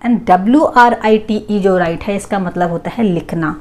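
A woman teaching a grammar lesson, explaining in Hindi and reading English example sentences out slowly. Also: medium pitch.

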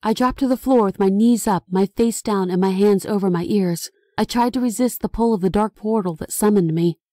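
A woman author reading her own horror novel aloud as audiobook narration, in a dramatic, expressive style. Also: mid-range voice, brisk, no room sound, clean studio sound.

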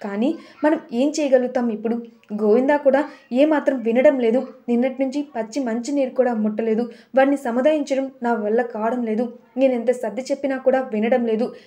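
A woman's voice: on the high side, steady tone, fairly quick, mellow, natural voice. A woman voicing a worried, caring older woman appealing for help in a storybook retelling. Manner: anxious, appealing.

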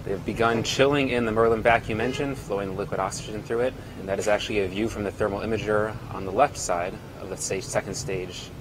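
A man giving measured, explanatory live technical commentary as a launch commentator. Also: lowish voice, fairly even intonation, background noise.

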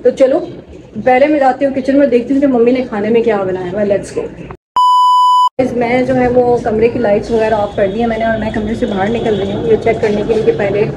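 Walking through her home's rooms and kitchen, this young woman vlogs chattily to the phone camera she holds at arm's length, speaking right into it. Her fairly high voice stays steady in tone and moves a little fast. A noisy crowd sits underneath, and the recording quality is low.

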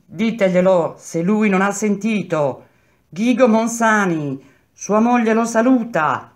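A woman voicing a desperate young wife loudly calling up to the prison bars. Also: mid-range voice, expressive, slow, pitched above the performer's own voice. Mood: desperate shouting. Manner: loud calling, straining.

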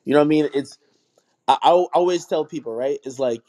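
A man's voice: fairly high pitch, fast, mellow. A young man from Jamaica, a hip hop media host, talking in a casual group voice chat, rambling with many restarts and "you know what I mean" fillers. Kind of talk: casual audio chat room conversation.

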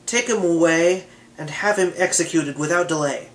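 A man's voice: fairly high pitch, moderate pace, close to an everyday voice, poor audio. A man reading as an impatient scornful king.

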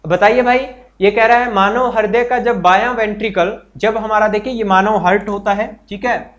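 A high-voiced man runs a live online exam-prep class. He is chatty and encouraging, repeats every point and keeps asking his students questions. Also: steady tone, moderate pace, a bit bright, highs cut off. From Haryana, India. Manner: greets viewers and reads their comments aloud. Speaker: teacher.

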